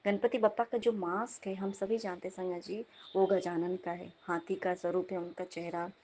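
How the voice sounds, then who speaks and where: A young woman, telling of a dream as devotional testimony in a lively storytelling manner, often turning to her listeners. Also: fairly low pitch, moderate pace, slight background noise. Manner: animated storytelling, repeatedly addressing listeners. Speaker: devotee sharing a dream at satsang.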